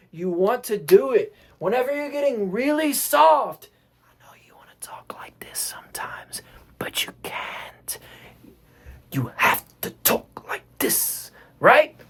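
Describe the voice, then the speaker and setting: A music teacher giving a casual lesson, explaining at an easy pace and often checking in with "right?" while restarting phrases. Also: mid-range voice. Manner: relaxed, keeps checking with "right?".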